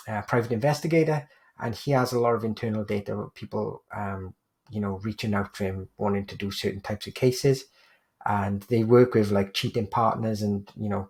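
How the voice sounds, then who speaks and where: A man with a low, gravelly and slightly husky voice talks through a screen-share tutorial. He explains step by step as he points out examples on screen. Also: darkish tone. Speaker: digital PR agency presenter.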